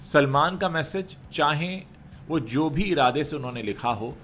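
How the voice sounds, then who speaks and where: A man's voice: on the high side, animated, a little slow, fairly bright tone, a little hiss or hum. A man giving conversational entertainment news commentary, talking straight to viewers with rhetorical questions.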